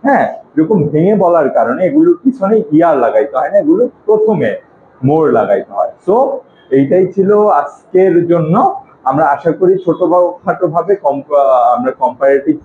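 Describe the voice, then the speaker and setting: বাংলাদেশি উচ্চারণের একজন পুরুষ শিক্ষক, নৈমিত্তিক ক্লাসের ঢঙে অনেক উদাহরণ দিয়ে ব্যাখ্যা করছেন।. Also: male voice, fairly high pitch, normal speed, slight background noise. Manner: lively, explaining with many examples. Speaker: English teacher. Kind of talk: casual classroom lesson. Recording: echoey room, tinny phone-like sound.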